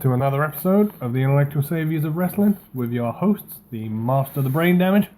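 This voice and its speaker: A man's voice: a little high, lively intonation, fast talker, warm tone, soft background music. Sarcastic man hosting a wrestling podcast. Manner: dry and sarcastic. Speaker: podcast host. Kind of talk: casual chat.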